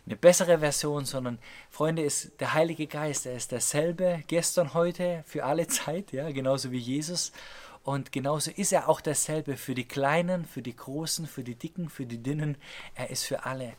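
Male preacher in his thirties, fervent sermon delivery, swings loud to hushed, speaks a touch high. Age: 30s. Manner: passionate, swings between loud urgency and hushed intimacy; storytelling, addresses listeners directly.

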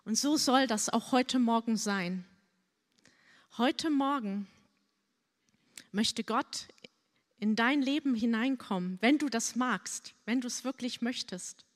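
A middle-aged woman pastor delivers a sermon at an unhurried pace, her voice sitting somewhat high. She leans into earnest, pleading phrases that drop to a hush. Long reverb from the church hall trails after each line. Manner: slow, earnest preaching with hushed, pleading prayers.

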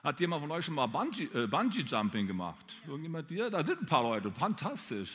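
A man preaching a sermon, talking straight to his listeners in an animated way. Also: a little high, a little fast, in a large hall. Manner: animated, addresses listeners directly. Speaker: pastor.

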